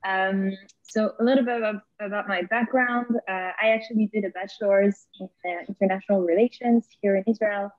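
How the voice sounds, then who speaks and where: A woman's voice: medium pitch, fairly even intonation, fairly quick, no echo. A woman from Switzerland introducing herself as a panelist over a video call, chatty and upbeat. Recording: dry tinny call audio.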